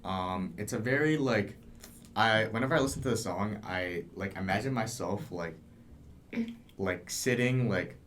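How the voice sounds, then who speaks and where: Young male guest, deep low voice, easygoing and halting, casual chat. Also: slight background noise. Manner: relaxed, hesitant, many fillers. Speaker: podcast guest.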